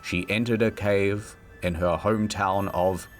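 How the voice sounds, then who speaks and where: A man narrating a comedic history video, wry and storytelling, with sudden swings in pitch. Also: fairly even intonation, a little slow, music in the background.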